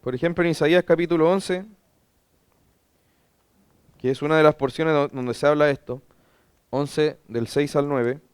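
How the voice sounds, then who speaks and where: A man's voice: fairly high pitch, fairly even intonation, normal speed, long pauses, clear, resonant tone, dry recording. A man, a pastor, teaching a Bible class; he reads scripture aloud and asks rhetorical questions that he then answers himself.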